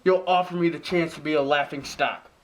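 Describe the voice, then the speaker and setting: Preachy, overbearing dad, acted by a man, slightly high voice, scolding parody delivery. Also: fairly even intonation, brisk, slight background noise, close to an everyday voice. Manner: lecturing, scolding. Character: pompous, preachy, overbearing father of grown children. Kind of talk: parody drama acting, modern-English Shakespeare.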